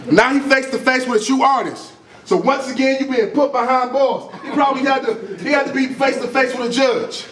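High-pitched male battle rapper, confrontational and projected. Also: fairly quick. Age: young adult. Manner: confrontational, boastful, repeats lines for emphasis; projected, animated delivery while pacing and gesturing. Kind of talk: a cappella battle rap performance. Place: small crowded indoor room. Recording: echoey room, distant camera mic, crowd reacting.

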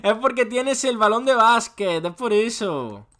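Lively young man gaming. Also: very high voice, a little slow. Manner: lively, jokey, talks to viewers. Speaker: gaming youtuber. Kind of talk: excited gameplay chat. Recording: faint noise.

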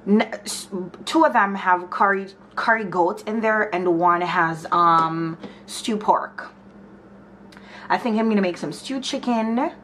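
A woman's voice: mid-range voice, takes it slowly, a bit bright, a little hiss or hum. A woman in her twenties, from Jamaica, chatting casually while vlogging at home, rambling and thinking aloud with lots of fillers. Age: 20s. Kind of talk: casual daily vlog chat. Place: small home kitchen and spare room indoors.

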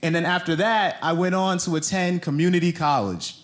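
A slightly high, steady voice comes from a New Jersey comedian in his thirties doing conversational stand-up in a theater. His handheld live mic catches audience noise as he leans on purposeful pauses and acted-out quotes.

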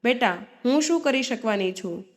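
A meek, elderly mother, read by a woman storyteller, with a tearful, pleading way of speaking in a family storybook tale. The voice stays somewhat high, near the reader's own. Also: lively intonation, normal speed, natural voice.

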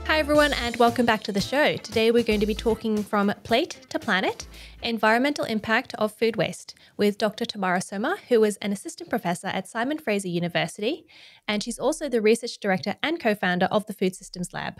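A woman's voice: fairly high pitch, expressive, a little fast, no room sound, soft background music. A woman in her thirties hosting a podcast at a studio microphone, friendly with ums. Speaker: podcast host. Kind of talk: podcast interview. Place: small studio room. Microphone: studio mic on boom arm, headphones.

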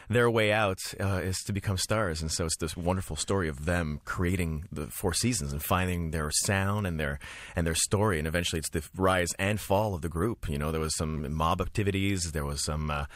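A man's voice: low-pitched, no echo. A young French Canadian man, a musical theatre actor, chatting energetically with many fillers as a radio studio guest.

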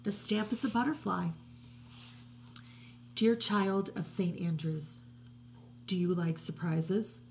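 Slow, gravelly woman reading a story. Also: medium pitch, a little hiss or hum, poor audio. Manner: slow, hushed storybook reading with soft whispery passages. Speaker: children's religious educator. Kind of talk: reading a picture book aloud to children. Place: living room at home, indoors. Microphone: webcam at desk distance.

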